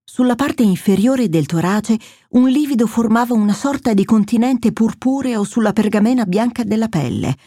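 A woman narrating a medical thriller in a measured, steady storytelling voice, close to the mic. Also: on the high side, slightly rough, no echo. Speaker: audiobook narrator. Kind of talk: scripted narration.

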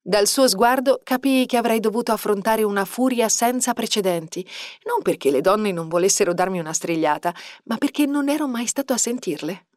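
A woman narrating an audiobook with a lively, expressive reading. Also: medium pitch, a little fast, no echo, studio quality. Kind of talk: scripted narration.

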